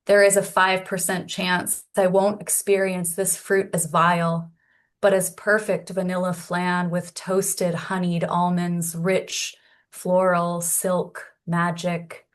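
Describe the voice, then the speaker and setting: A woman from Canada with a Canadian accent, reading her poem slowly and evenly over a remote call. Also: lowish voice, level tone. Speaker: poet. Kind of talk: poetry reading.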